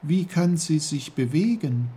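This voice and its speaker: A man's voice: animated, a little slow, dark tone, husky, exaggerated voice. A man voicing a curious young boy who asks earnest, puzzled questions in a raised voice. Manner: eager, questioning, raised pitch.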